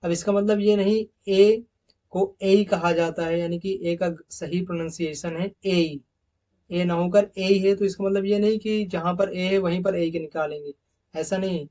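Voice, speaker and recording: Slow, deliberate male teacher. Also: high-pitched, fairly even intonation, warm tone, distant mic, muffled recording. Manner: slow, repeats each sound several times, addresses viewers as friends. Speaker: English teacher. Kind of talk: recorded slide lesson on pronunciation.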